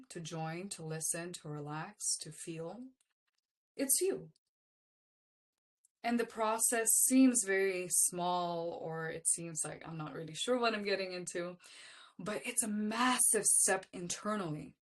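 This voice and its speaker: Woman yoga teacher, lowish voice, earnest and heartfelt, lots of short repeated phrases. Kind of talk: personal teaching talk to a class.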